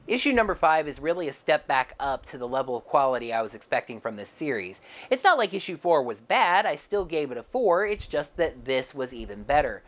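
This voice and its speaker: A woman's voice: low-pitched, big pitch swings, fairly quick, hardly any pauses. A woman narrating a casual comic book review with wry, sarcastic asides.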